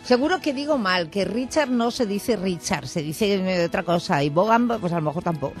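A woman's voice: fairly low pitch, animated, fairly quick, soft background music. A woman interviewing a guest in a studio, chatty and teasing. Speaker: radio interviewer. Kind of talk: casual interview.

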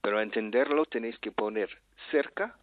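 A man's voice: on the low side, brisk. Texan man on a tinny phone line. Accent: American English accent in Spanish. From Texas, USA. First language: English. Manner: animated, rambling, frequent restarts and fillers. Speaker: guest, English-teaching entrepreneur. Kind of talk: radio interview.

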